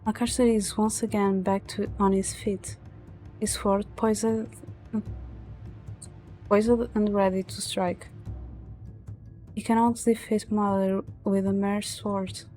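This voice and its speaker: A woman's voice: mid-range voice, flat delivery, slow pace, pauses often, warm tone, faint music behind. A woman streamer reading story narration aloud from a visual novel, dramatic but stumbling over words now and then.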